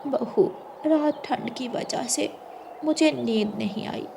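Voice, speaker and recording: A woman's voice: high voice, slow pace, gravelly, noisy background, exaggerated voice. A woman voicing a stern, bossy mother-in-law bird in a storybook cartoon, demanding and scolding.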